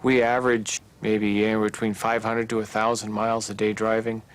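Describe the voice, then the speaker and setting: A man's voice: on the low side, flat delivery, brisk, slight background noise. An American man talking casually in an interview as a storm chaser.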